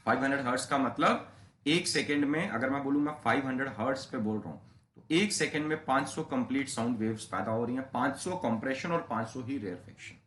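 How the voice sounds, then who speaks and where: A man teaching a physics class, mixing English terms into Hindi. He draws out key phrases slowly and stresses points with sudden rises in pitch and loudness. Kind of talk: classroom lecture. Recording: roomy echo, faint background hiss.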